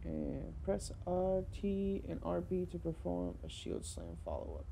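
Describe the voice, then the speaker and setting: Low, gravelly woman gaming commentary. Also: very animated, measured pace, dark tone, a little hiss or hum. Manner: chatty, talks to the game characters, reads menu text aloud. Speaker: let's play gamer. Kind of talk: casual gameplay commentary.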